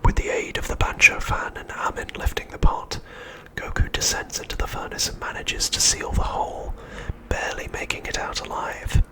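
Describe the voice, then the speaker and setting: The audio is poor in this clip of a middle-aged ASMR host narrating. He whispers with only breath and no tone, taking his time and pausing on purpose between phrases.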